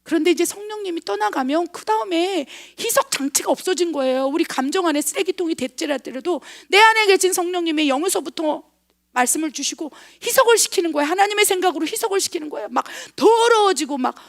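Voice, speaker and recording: High-pitched middle-aged woman preaching, lots of "what happens then?" questions, goes loud then drops to a hush. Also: expressive, fast talker, gravelly. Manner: emphatic preaching with frequent rhetorical questions; swings between loud stresses and hushed, near-whispered asides. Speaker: missionary pastor. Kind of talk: sermon.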